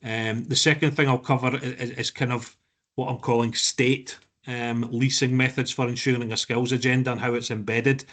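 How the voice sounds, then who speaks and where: A man presenting on an online call in a broad Scottish accent. His pitch stays fairly even and sits in an ordinary male range. He talks informally, often doubling back on words. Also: normal speed. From Scotland. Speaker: guest presenter.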